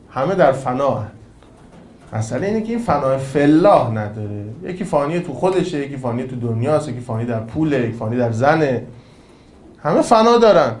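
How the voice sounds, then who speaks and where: A man giving an informal religious talk in a conversational, animated way, with rhetorical questions and jokes. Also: fairly high pitch, roomy sound. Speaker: cleric lecturer.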